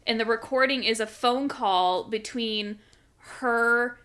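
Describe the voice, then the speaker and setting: A woman co-hosting a podcast, recapping events at length as an animated storyteller in casual chat. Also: on the high side, slow pace. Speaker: podcast co-host.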